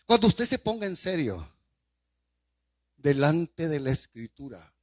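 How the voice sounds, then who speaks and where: A male pastor with a Salvadoran accent preaching a sermon, firing repeated rhetorical questions at the congregation with sudden loud bursts. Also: on the high side, very animated, measured pace, no echo. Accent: Salvadoran Spanish.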